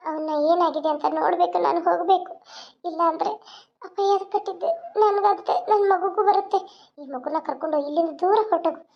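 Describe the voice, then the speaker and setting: A woman's voice: very high-pitched, creaky. A woman voicing a young mother and police officer, tearful and tender as she says goodbye. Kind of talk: cartoon voice acting. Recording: dull lo-fi sound.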